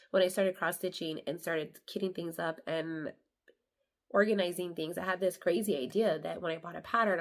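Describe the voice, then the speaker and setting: A congested young woman with a slightly low voice talks through her hobby in a loose, rambling way. She leans on lots of "um"s and "like"s, as in an easygoing personal vlog. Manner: rambling, filler-heavy, chatty. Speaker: crafting vlogger. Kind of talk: casual chat.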